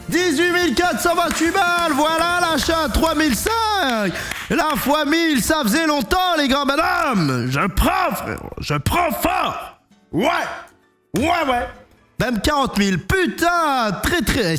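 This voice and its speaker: A man's voice: very high-pitched, pushed and bright. A man giving exuberant, slangy livestream commentary, swearing and repeating his words. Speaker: gambling streamer. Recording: clear music behind the voice. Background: music.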